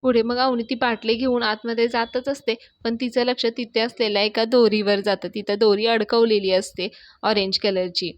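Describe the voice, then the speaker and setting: A woman with a slightly high voice casually retells a TV serial episode as a reviewer, keeping it chatty and adding her own asides to listeners. The recording is dry and slightly dull, from a close mic with no echo.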